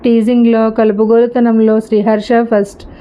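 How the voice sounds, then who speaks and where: A woman's voice: on the high side, flat delivery, moderate pace. A woman narrating a story as a storyteller, reading steadily and evenly. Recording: slightly dull lo-fi recording.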